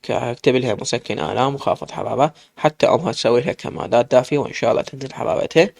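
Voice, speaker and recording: A man with an Iraqi accent voicing a calm, reassuring male doctor. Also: medium pitch, racing, gravelly.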